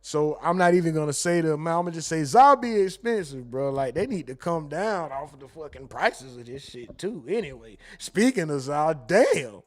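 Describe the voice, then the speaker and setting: A man hosting a casual livestream, reading viewer comments aloud and reacting with quick asides and laughter. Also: a little high, lively intonation. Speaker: livestream host reading super chats.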